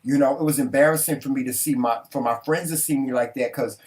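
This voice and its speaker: A man's voice: medium pitch, quick pace, darkish tone. A man co-hosting a casual talk show, speaking candidly and emphatically. He drops profanity freely and leans on repetition for emphasis. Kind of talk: casual chat.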